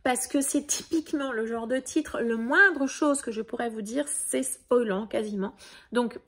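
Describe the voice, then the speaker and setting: A woman's voice: a little high, unhurried, fairly bright tone, slightly rough. A woman giving a casual, chatty book review, full of fillers and restarts. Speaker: book vlogger.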